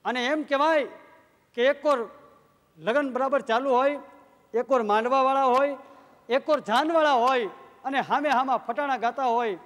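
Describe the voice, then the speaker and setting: A man's voice: very high voice, normal speed, pauses often, in a large hall, muffled recording. A man telling comic stories at a live folk show, acting out the dialogue. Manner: lively storyteller, acts out quoted dialogue. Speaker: folk humorist on stage. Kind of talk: live dayro storytelling.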